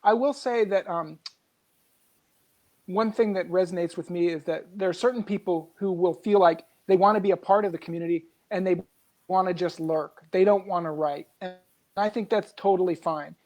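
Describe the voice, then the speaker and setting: A man's voice: high-pitched, moderate pace, a little mellow. A man appearing as a guest in a casual group discussion over a video call, speaking earnestly and reflectively and stressing his points.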